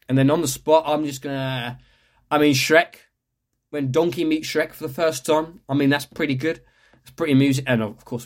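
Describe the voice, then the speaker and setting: Young man, podcast host, casual rambling delivery, mid-range voice. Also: medium pitch. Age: young adult. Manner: rambling, chatty, self-correcting with many fillers. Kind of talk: casual podcast chat and local news reading.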